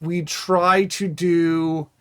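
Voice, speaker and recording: A man's voice: fairly high pitch, flat delivery, extremely slow, smooth. A man hosting a retro gaming stream, chatting casually and rambling with lots of fillers. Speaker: streamer host.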